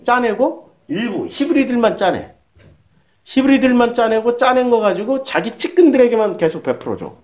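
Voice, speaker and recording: A male pastor preaching a sermon in a lively, colloquial way, firing off rhetorical questions. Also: very high voice, moderate pace. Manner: animated, colloquial, rhetorical questions, acts out prayers.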